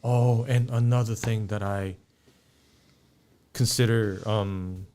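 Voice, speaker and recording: A man's voice: fairly low pitch, fairly even intonation, mellow. Man co-hosting a casual movie chat. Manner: reads viewer comments aloud, halting, many restarts. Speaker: podcast co-host.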